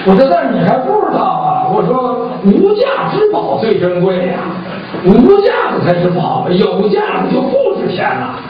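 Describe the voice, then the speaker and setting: Casting: male pingshu storyteller, high-pitched, conversational and rhetorical, recorded from afar in a very echoey hall. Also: huge pitch swings, normal speed, a crowd in the background. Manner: conversational, rhetorical questions, acts out short exchanges. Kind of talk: traditional Chinese pingshu storytelling performed live to an audience. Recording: roomy echoing hall, distant mic, dull sound, faint noise.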